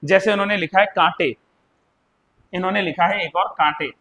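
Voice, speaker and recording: A man's voice: sits high, brisk, sharp tone, a little hiss or hum. A man with an Uttarakhand Hindi accent teaching a live exam-prep class, explaining by repeating words and asking his students questions.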